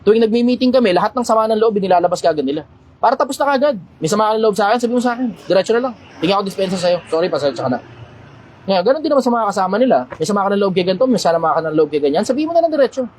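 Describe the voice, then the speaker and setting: A man hosting a casual livestream Q&A, talking bluntly, swearing casually and getting loud when he makes a point. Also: high voice, lively intonation, racing, slight background noise, rough recording. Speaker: livestream host answering questions.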